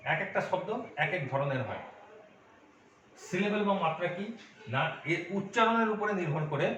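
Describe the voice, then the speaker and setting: Man, grammar teacher, patient, fairly high voice, far from mic, very echoey dull recording. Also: a bit bright, a little hiss or hum. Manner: patient, asks and answers his own questions. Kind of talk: explaining a grammar lesson to students.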